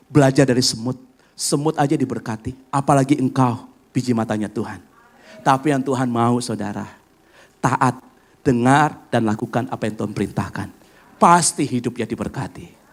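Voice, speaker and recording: A middle-aged male pastor preaching a sermon, swinging from loud, high exclamations to hushed asides, often calling on the congregation for an amen.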